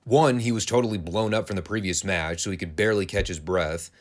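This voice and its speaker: Hosting a wrestling podcast, a man with a low-pitched, slightly fast voice delivers a casual play-by-play review of an old broadcast, full of sarcasm, crude remarks and dry humor.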